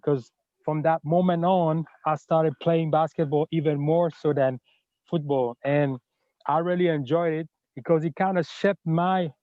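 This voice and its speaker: A man sharing a memory on a video call, friendly, pausing on fillers as he recalls. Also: fairly high pitch, fairly even intonation, dry recording. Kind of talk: casual video call chat. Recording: muffled lo-fi call audio.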